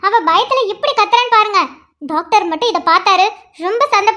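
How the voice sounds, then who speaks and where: A woman's voice: very high voice, sharp tone. A woman doing a bossy, impatient young woman. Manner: brisk, scolding orders.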